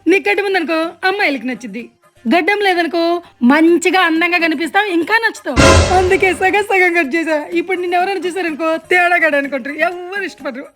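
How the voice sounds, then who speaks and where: A woman performing a comic skit in a playful, mock-innocent manner. Her voice is very high and her speech quick, and loud background music plays under every line. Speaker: comedy sketch performer. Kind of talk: comedy skit acting.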